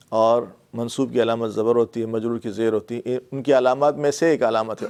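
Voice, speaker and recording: A male teacher gives a classroom lecture in Pakistani-accented Urdu, working slowly through the grammar. He explains patiently, says key words again and again, and pauses on short fillers while he thinks. His voice sits at a medium pitch for a man. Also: creaky, darkish tone. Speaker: Quran and Arabic grammar teacher.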